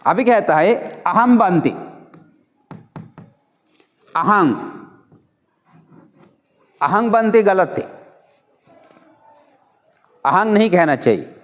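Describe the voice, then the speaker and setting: Man, Buddhist monk, pronunciation lesson, high voice, slow, patient, repeats and corrects. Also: lively intonation. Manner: patient, repeats and corrects each word slowly. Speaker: Buddhist monk teaching Pali chanting.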